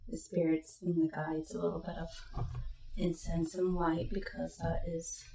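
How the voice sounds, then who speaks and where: A woman with a lowish, creaky voice gives a casual tarot reading on camera from a home room with a webcam, speaking a little slowly with little pitch movement. She's chatty and meandering, drops soft-spoken asides, and has a slight leftover cough. Her new desk microphone sits a bit off, so she sounds far away in an echoey room with a little hiss or hum.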